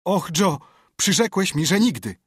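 A man's voice: medium pitch, expressive, unhurried, a little mellow, dry recording, clean studio sound, voice pushed up. A man voicing a desperate middle-aged drunkard, pleading through sobs in an audiobook. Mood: despairing. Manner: pleading, sobbing. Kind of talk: audiobook character reading.

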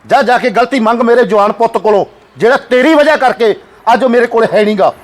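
A man's voice: very high-pitched, fast. An actor playing a grieving village father who speaks reproachfully. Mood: bitter. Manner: reproachful, emphatic.

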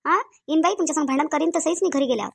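A woman's voice: high voice, rapid-fire, vocal fry, no room sound, studio quality. A woman voicing a stubborn, quarrelsome middle-aged village mother in a cartoon, with a Varhadi Marathi accent, defiant and repeating herself. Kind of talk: cartoon voice acting.

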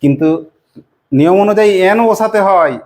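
In a medium-pitched, somewhat mellow voice at a moderate pace, a woman with a West Bengal Bengali accent drills her primary school pupils in English. She patiently repeats her questions, using call-and-response to get them answering.

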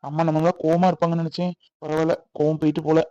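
A woman lowering her voice to play a busy young fiancé who talks in a casual, apologetic way, in a family skit. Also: little pitch movement, very fast, dark tone, dull audio, close to an everyday voice. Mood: easygoing.

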